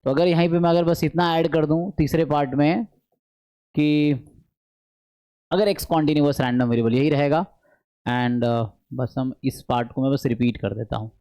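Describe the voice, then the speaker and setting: A man giving an online statistics lecture, explaining step by step, often checking in with the class and slowing down to dictate formulas. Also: fairly high pitch, dark tone, clear, resonant tone. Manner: mixes English math terms into speech; slows to dictate formulas aloud. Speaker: statistics teacher.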